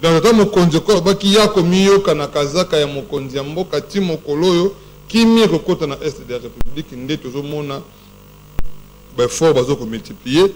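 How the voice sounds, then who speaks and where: A Congolese man hosts a studio talk show with a slightly raised pitch and an emphatic, rhetorical delivery. The room is noticeably echoey, and a faint noise sits underneath. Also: a little mellow. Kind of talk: studio talk show, mixing French and Lingala. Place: TV studio set.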